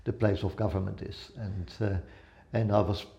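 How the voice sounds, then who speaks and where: A man in his seventies, from the Netherlands, talks in a low, gravelly voice with a mellow tone. He rambles easily through his answers, stopping for uhs and restarts as he chats with the host. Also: muffled recording. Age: 70s. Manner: relaxed and rambling, many pauses and fillers. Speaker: guest, retired photographer and blogger. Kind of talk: casual interview chat.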